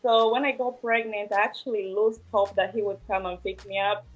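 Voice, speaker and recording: A woman in her twenties, from Portugal and raised in Angola, answering interview questions in a hesitant way with many pauses. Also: mid-range voice, steady tone, low-quality recording. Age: 20s. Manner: hesitant, many ums and uhs. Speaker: interview guest. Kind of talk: casual interview.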